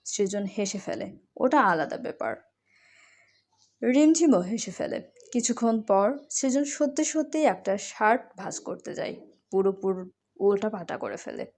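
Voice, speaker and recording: A woman reading a romantic audio story in an expressive, scripted narration style. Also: medium pitch, moderate pace.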